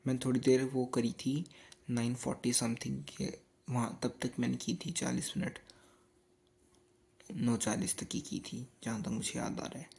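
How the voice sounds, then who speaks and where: A sleepy young Indian man talking low and unhurried in a late-night study vlog. His voice is gravelly, and his pitch sits in an ordinary middle range. He rambles as if worn out after a long evening. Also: steady tone. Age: late teens. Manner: speaks softly and slowly so as not to wake others; drifts between two languages, rambling and tired. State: sleepy and tired. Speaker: student vlogger.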